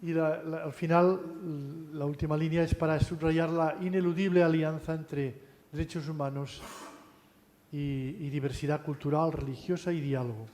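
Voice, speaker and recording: A man's voice: on the high side, steady tone, normal speed, darkish tone, slight background noise. Lecturing man in a reverberant hall. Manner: conversational, tag questions, frequent restarts. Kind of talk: university lecture.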